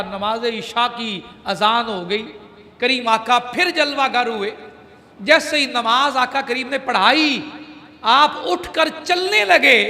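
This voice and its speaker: A man's voice: very high-pitched, gravelly, bright, forceful tone. A man preacher telling a story in an emotive sermon, exclaiming and laughing often. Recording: long hall reverb.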